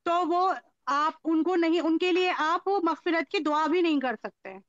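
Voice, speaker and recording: A woman's voice: extremely high pitch, measured pace, no echo, highs cut off. A woman calling into a live-stream debate, arguing defiantly. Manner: argumentative, defiant. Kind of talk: heated live-stream argument.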